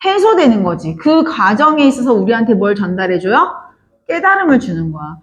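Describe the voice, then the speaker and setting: Lively high-voiced woman teaching a class. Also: a little fast. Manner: addresses students often, asks many check questions. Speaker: Korean literature teacher. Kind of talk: classroom lecture.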